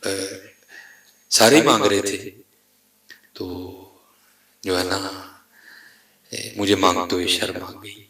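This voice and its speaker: Soft-spoken humble holy man, voiced by a preacher, hushed, roomy sound. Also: sits low, fairly even intonation, creaky, pauses often, far from the mic, full character voice. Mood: meek.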